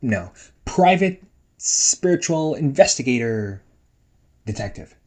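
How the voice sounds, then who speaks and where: Slow and sing-song, a man's medium-pitched, slightly mellow voice brings a teasing, nagging young ghost brother to life. It's bantering, chatty roleplay audio acting, performed one-sided and casually.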